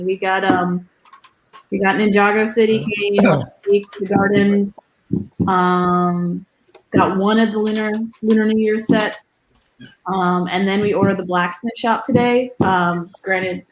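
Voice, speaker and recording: A woman's voice: medium pitch, echoey room, poor audio. A woman guest chatting on a casual livestream, enthusiastic and rambling as she talks.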